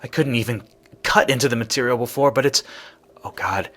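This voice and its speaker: A man acting a nervous, brainy, awkward engineer in a video game, with halting, stammering speech. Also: mid-range voice, fairly bright tone, lightly acted. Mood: excited.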